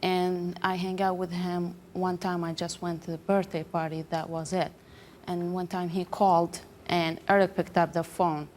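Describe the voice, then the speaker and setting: A young woman from Iraq, a talk show guest who speaks natively and talks in halting English full of restarts. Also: on the low side, flat delivery, darkish tone, slight background noise. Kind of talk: emotional talk show confession.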